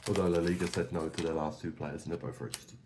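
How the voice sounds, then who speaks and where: A man's voice: low voice, flat delivery, fast, background noise. A man chatting casually and bantering as he calls out football cards one by one as a co-host. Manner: playful, bantering. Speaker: co-host opening football card packs. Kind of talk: casual chat with card-by-card commentary.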